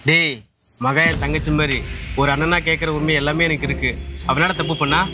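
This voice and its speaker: An actor playing a caring, brotherly young man who speaks in a gentle, coaxing way. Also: on the high side, fairly even intonation, brisk, close to an everyday voice. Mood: placating. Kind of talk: drama dialogue. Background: music.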